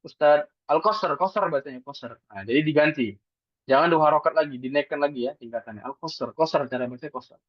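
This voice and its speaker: Guy teaching quran recitation, slightly high voice, patient, dull dry recording. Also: brisk, dry recording. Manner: patient, explains step by step, asks and answers his own questions. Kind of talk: online religious lesson.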